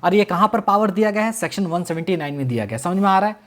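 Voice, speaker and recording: A male law teacher giving a classroom-style lecture, mixing Hindi with English legal terms, repeating key phrases slowly and quizzing his students. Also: sits high, expressive.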